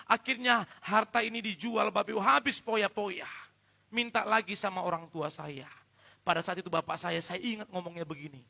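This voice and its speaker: A man preaching a live worship sermon, joking with the congregation and swinging from quiet asides to shouted emphasis. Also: high voice, steady tone, moderate pace, creaky. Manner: addresses the congregation directly and often. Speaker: pastor.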